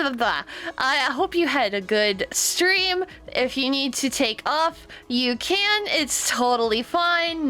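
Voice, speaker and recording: A young woman streaming casually while she draws, chatting to viewers, giggling and muttering quietly to herself as she works. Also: high voice. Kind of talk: casual art stream chat. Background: faint music.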